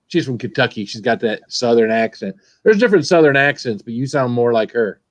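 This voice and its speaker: A man's voice: medium pitch, animated, brisk, no echo. A man chatting and teasing others on a casual livestream call. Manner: teasing, talkative.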